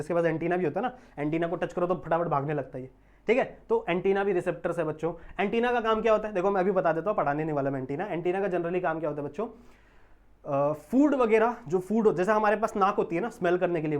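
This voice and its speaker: A male biology teacher with a high voice gives an online lecture in Hindi, sprinkling in English terms. He draws out technical words slowly and keeps checking that his students are following.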